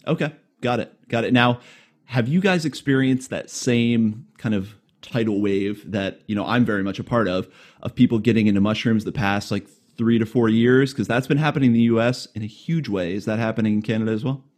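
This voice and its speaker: A podcast host with a somewhat low, slightly mellow voice speaks at a fairly quick clip. He reads a prepared introduction, then moves into a casual interview, asking rambling, friendly questions sprinkled with light jokes.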